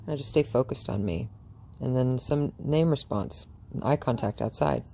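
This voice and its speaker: A woman's voice: extremely low pitch, moderate pace, gravelly, dark tone. A woman dog trainer chatting through a training session outdoors in front of a house, cooing praise at the dog and laughing often.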